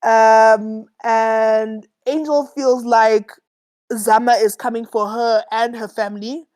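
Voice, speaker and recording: A woman's voice: a little high, steady tone, slow, a little mellow, poor audio. A woman around thirty, co-hosting a casual TV review chat in an emphatic, exclamatory way. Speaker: co-host of a TV review show.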